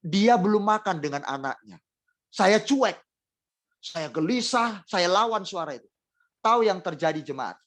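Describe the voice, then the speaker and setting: A man preaching a sermon, speaking straight to the congregation and repeating phrases for emphasis, with emotional swings between loud and soft delivery. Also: high-pitched, lively intonation, measured pace.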